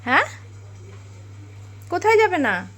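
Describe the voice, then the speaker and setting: Mother for a home vlog, high and bright, speaks softly to a toddler with gentle scolding. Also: sing-song, unhurried. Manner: gentle coaxing, mildly scolding. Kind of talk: home vlog, talking to a small child.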